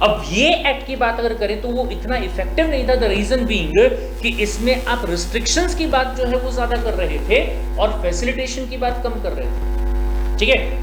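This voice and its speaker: Male exam tutor, high voice, asks and answers his own questions, roomy echo. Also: a bit bright. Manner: asks questions and answers them himself, mixes Hindi with slowly read English text. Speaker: exam coaching teacher. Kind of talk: recorded lecture explaining a textbook. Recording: echoey room.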